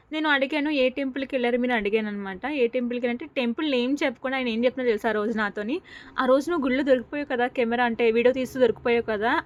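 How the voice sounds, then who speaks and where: A young woman narrating her family day out in a casual, rambling vlog voice-over. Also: a little high. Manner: chatty, rambling storytelling. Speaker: vlogger.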